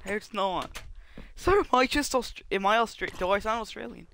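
A young man streams a block-building game, chatting to viewers in a rambling way and tripping over restarted sentences. His high, animated voice is bright and forceful with vocal fry, at normal speed, over a slight hiss or hum.

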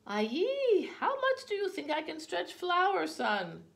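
A woman's voice: medium pitch, very animated, measured pace, darkish tone, voice pushed up. A woman voicing a busy, fretful village mother in a read-aloud storybook, exclaiming in a raised, exasperated voice.

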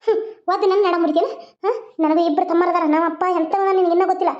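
A woman's voice: extremely high pitch, fairly even intonation, fast talker, lo-fi sound. A woman voicing a tearful, defiant young village bride who complains and pleads. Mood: complaining.

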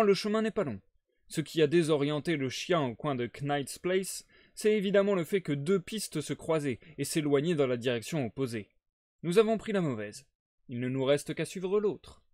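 A man playing a sharp, self-assured male detective, in a brisk, reasoning manner. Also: a little high, no echo, studio quality, lightly acted.

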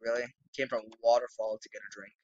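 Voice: medium pitch, level tone, quick pace, darkish tone, no room sound, dull audio. A young gamer commenting on their own play, anxious muttering broken by sudden outbursts. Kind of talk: game commentary.

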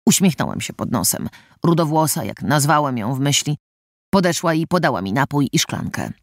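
A male audiobook narrator reading a first-person story with a lively, swinging delivery. His voice sits a little high for a man, and the studio sound is close and dry. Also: brisk, vocal fry, dry recording.

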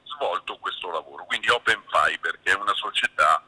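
A middle-aged male councillor comes through a speakerphone on a live phone-in, his low voice sharp and piercing. He explains things patiently but insistently and hammers his key points home by saying them twice. The phone line keeps him a little distant. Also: lively intonation, fairly quick, slightly rough. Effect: on speakerphone over a phone line. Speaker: city councillor for public works.

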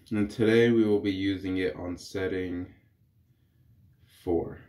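A man in his thirties, congested with a cold, casually talks the camera through his shave in a small bathroom for a wet-shaving vlog. He rambles in a relaxed way, with a deep voice at a slow pace. The bathroom sounds echoey, with slight background noise.

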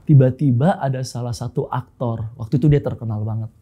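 A man in his thirties from Makassar, Indonesia, speaks fairly quickly in a medium-pitched, mellow voice with fairly even intonation. As a guest sharing his personal testimony, he keeps it casual, often calling the host "bro" and dropping in English phrases.

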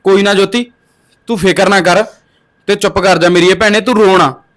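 A man playing a protective older brother who threatens his sister's husband loudly. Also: high-pitched, fairly even intonation, moderate pace. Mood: angry. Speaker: actor in a short film.

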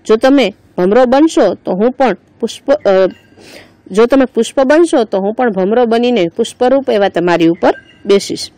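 A woman's voice: on the high side, normal speed, dark tone, no room sound, poor audio. A woman teacher with a Gujarati accent teaching a lesson. She reads each line aloud, then explains it word by word. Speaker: school teacher.

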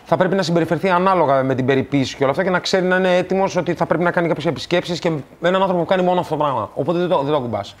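A man from Greece, a tattoo artist, telling stories in a casual interview and acting out the dialogue. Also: hardly any pauses. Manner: animated, acts out dialogue, rises in pitch when quoting.

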